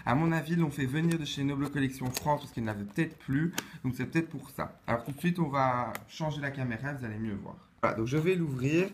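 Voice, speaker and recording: A man's voice: mid-range voice, fairly quick, few pauses, slight background noise. A man talking casually to camera as he unboxes a replica wand, chatty and hesitant, with lots of fillers and restarts. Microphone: camera mic, close-up.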